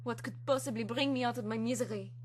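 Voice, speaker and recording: Woman playing suave French spy gentleman, stagey and melodramatic, story reading with background hum. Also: on the high side, fast talker, voice pushed up, natural voice. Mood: anguished. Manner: hammy, dramatic. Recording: clear hum and background noise.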